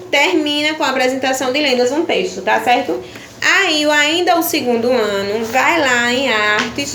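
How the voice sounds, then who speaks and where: A woman's voice: a little high, a bit bright. A woman teacher from Brazil patiently explaining primary-school workbook pages in a video lesson, checking in with her pupils after each point. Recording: echoey room with faint background noise.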